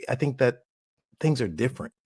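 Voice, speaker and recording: A man's voice: medium pitch, expressive, a little fast, a little mellow, slightly rough, no room sound, studio quality. A man co-hosting a podcast, musing aloud in a thoughtful, hedging way. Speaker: podcast co-host. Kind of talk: casual podcast chat.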